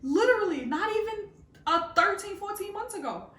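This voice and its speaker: A woman's voice: very high-pitched, lively intonation, moderate pace, a bit bright, roomy sound, far from the mic. A woman giving a fervent, preachy faith talk to camera, calling her listeners "baby" and asking if they hear her. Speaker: faith vlogger.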